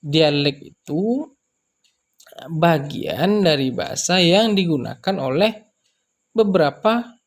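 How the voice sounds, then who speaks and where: A man's voice: fairly high pitch, lively intonation. Brief: male language teacher, patient lecture delivery, repeats examples, filler-heavy. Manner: unhurried, repeats example words, many fillers. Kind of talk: explanatory lecture.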